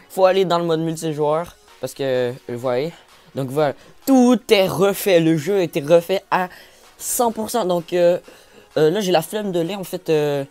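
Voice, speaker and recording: Mellow-voiced man stammering through game commentary. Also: fairly high pitch. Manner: stammers and apologizes often, many fillers. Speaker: gaming YouTuber. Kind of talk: casual gameplay commentary, reading update notes aloud.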